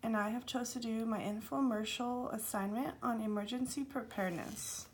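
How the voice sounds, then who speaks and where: A young adult woman delivers a student presentation in a somewhat high voice. She follows a script but slips into informal, slightly hesitant explanation. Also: steady tone, normal speed, slight background noise, poor audio.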